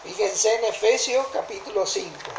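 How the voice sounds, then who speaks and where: A woman with a Rioplatense Argentine accent preaching a sermon in a deliberate way, often stopping to ask whether listeners follow. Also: mid-range voice, vocal fry, slight background noise. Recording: echoey room.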